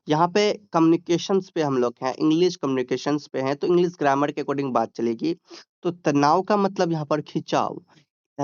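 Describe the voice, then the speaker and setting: Man, Hindi accent, exam tutor, slightly high voice, checks in often, dull dry recording. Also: a little mellow, smooth, dry recording. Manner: explains step by step, drawing out English words and checking in often. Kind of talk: exam-prep lesson.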